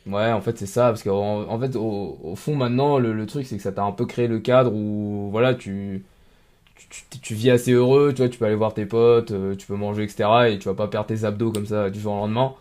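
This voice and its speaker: A man's voice: fairly low pitch, fairly even intonation, fairly quick, a little mellow. A young man, a coach, interviewing a client in casual, slangy chat. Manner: informal, slangy.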